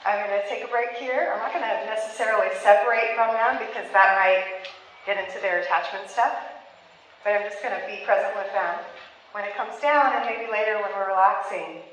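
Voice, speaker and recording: Running a small-group parenting workshop, a therapist in her thirties talks with her hands and laughs frequently, in a meeting room lined with flip charts. She speaks briskly in a medium, slightly bright voice. Filmed from across the room while holding a mic, she sounds distant in an echoey space with a little background noise.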